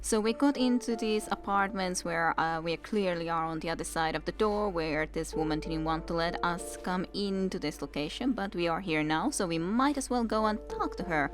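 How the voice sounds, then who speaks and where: Woman doing a chill let's play, chatting and reading game text out loud, faint music behind her. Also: lowish voice, normal speed, few pauses. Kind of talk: casual game commentary with read-aloud narration.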